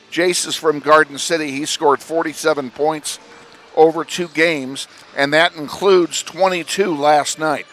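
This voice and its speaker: A man's voice: fairly high pitch, fairly bright tone. A man with a Midwestern American accent giving an informal pregame tournament recap, with many fillers and self-corrections and slightly out of breath. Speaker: play-by-play broadcaster. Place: school gym broadcast booth.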